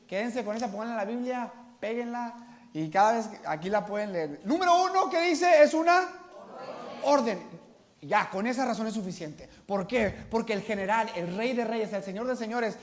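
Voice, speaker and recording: A man teaching an evangelism workshop at church, asking the audience questions and repeating their answers back. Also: high voice. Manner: animated, swings between loud and soft.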